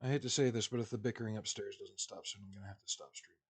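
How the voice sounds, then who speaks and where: A man builds a model kit during a home livestream, rambling casually to viewers with fillers and chuckles. He talks very fast in a lowish voice with a breathy edge.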